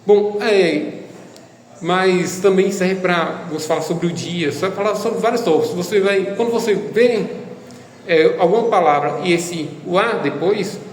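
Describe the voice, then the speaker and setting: A man's voice: high-pitched, a little slow, roomy sound, big-room sound, a little hiss or hum, low-quality recording. A man giving a casual video lesson on Japanese, explaining step by step with hesitant fillers. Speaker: Japanese language teacher.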